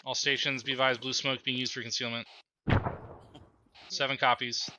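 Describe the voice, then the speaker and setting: A man's voice: mid-range voice, flat delivery, moderate pace. A man acting as commander in a military simulation game, giving clipped, procedural orders. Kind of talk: military radio orders during gameplay. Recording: dull lo-fi game mic, clear noise.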